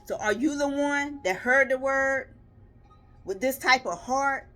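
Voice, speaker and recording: A woman's voice: sits high, a little slow, fairly bright tone, faint music behind. A woman delivering a devotional video sermon, earnest and emphatic, pressing her listener with repeated rhetorical questions and building rhythmic lists. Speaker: lay preacher.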